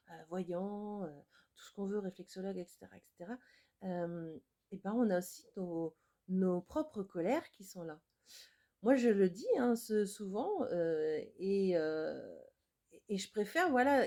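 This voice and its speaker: An adult woman with children, working as an energy healer, delivers an earnest, reflective improvised monologue to her viewers. Her voice is medium-pitched with a dark tone.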